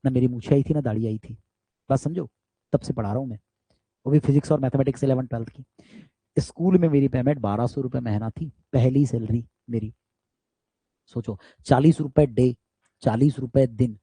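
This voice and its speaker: A man's voice: medium pitch, fairly quick, breathy edge, dry recording. A man from India, a physics teacher, giving students an emphatic, motivational aside during an online class and often checking that they follow. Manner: emphatic, talks straight to students with repeated tag questions; loud forceful speaker.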